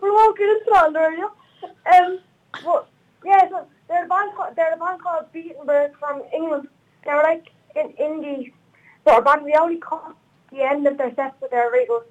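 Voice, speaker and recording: A woman's voice: sits high, steady tone, fairly quick, muffled recording. A woman calling in to a radio show, chatting and giggling as she tells a story. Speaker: caller guest. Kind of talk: casual chat.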